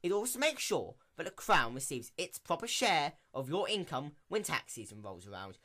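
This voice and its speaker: Storybook mayor mare, played by a man: officious, exasperated, theatrical lecturer, higher register, bright edge. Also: big pitch swings, moderate pace, exaggerated voice. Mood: stern, disappointed. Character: stern, weary female pony mayor, officious. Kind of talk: dramatic reading of fan fiction.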